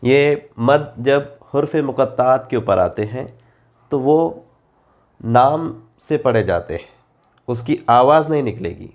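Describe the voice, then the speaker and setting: Male Quran reading teacher, Urdu accent, very slow and patient, stretches sounds for pupils. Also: medium pitch, expressive. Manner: drawls example syllables slowly and at length. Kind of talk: slow explanatory lesson.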